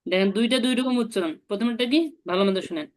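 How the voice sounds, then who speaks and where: A woman's voice: medium pitch, rapid-fire. A woman, teaching a language lesson and patiently explaining each step. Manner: patient, explains step by step and asks the learner to repeat.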